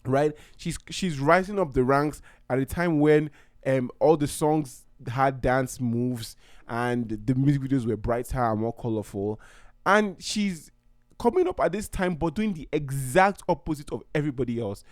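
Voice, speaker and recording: Young man, from Nigeria, podcast host, earnest and rambling, middle-pitched, close dry sound. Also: animated, moderate pace, no room sound. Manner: heartfelt, rambling, with many restarts. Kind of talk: casual solo podcast talk.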